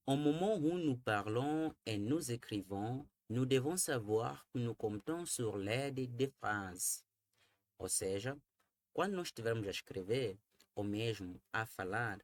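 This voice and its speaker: A man teaches a French lesson, setting out grammar point by point. He talks unhurriedly in a lowish voice. He repeats key terms, switching between two languages as he goes.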